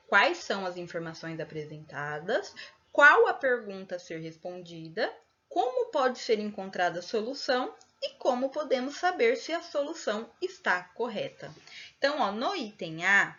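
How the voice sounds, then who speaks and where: A woman's voice: mid-range voice, very animated, bright, forceful tone, highs cut off. A woman teacher with a Brazilian Portuguese accent, explaining a lesson to primary pupils patiently, stretching out stressed syllables and often adding tag questions. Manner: patient, drawn-out stressed syllables, frequent "né?" tags. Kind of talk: recorded remote class explanation.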